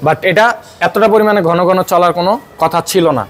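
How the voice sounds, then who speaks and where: High-voiced and fairly quick, a mechanic with a Bangladeshi accent keeps a steady tone as he demonstrates in the workshop, talking through a car fault with lots of fillers while he works.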